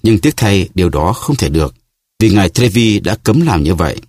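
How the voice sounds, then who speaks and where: A man's voice: deep voice, sing-song, normal speed, darkish tone, dry recording. A man voicing a refined musketeer who mocks with ornate, ironic politeness in an audiobook. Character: refined, mocking male musketeer.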